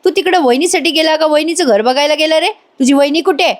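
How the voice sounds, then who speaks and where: A brash, protective young village man scolds and shouts in rough rustic speech, as a woman narrator puts him on. His voice rides high above her usual tone. He sounds bold and in charge. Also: fast talker, lightly acted. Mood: scolding.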